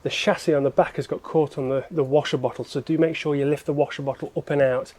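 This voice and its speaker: A man's voice: fairly high pitch, fairly even intonation, fast talker, a little mellow, no room sound. A man presenting a car repair vlog, explaining each step informally as he works. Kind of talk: casual hands-on how-to narration.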